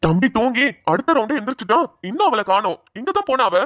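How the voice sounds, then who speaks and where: A woman's voice: fairly high pitch, sing-song, fast talker, a bit bright, no echo, pitched below the performer's own voice. A woman voicing a worried young father who fusses over a crying baby and frets about where his wife has gone. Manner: anxious, fussing, searching for his wife.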